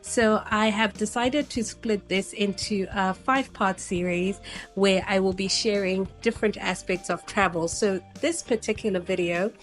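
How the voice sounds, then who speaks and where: A woman's voice: mid-range voice, normal speed, soft background music. A woman from Zimbabwe, around her thirties, chatting casually to camera as a travel vlogger, meandering with frequent ums. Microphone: new personal microphone set.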